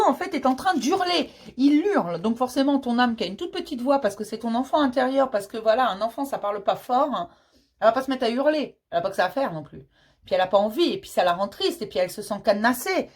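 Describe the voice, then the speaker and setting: This medium's voice is a little high, animated, and quick as she does an informal tarot reading. She comforts the listener, calls them "mon petit chéri", and chatters with frequent fillers and repetitions.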